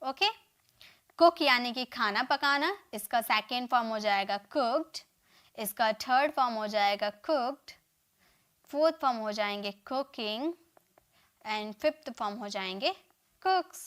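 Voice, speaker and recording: A young woman with an Indian accent teaching English verb forms in a live online class, saying each word form aloud and repeating it, with frequent quick check-ins with her viewers. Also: a little high, a bit bright, clean tone.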